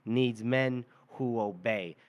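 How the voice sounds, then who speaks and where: A smug, sarcastic male court official, read aloud by a man with dry mockery. The voice sits at an ordinary middle pitch and stays close to a plain speaking voice. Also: slow pace, lightly acted.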